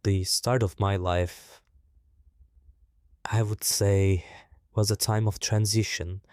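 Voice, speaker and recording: A man, his voice disguised to sound deep, speaking thoughtfully and in a measured way in an interview. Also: flat delivery, a little mellow, clean tone, no room sound, clean studio sound. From Turkey. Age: 20s. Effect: voice disguised, altered deeper. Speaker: interview guest. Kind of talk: reflective personal interview.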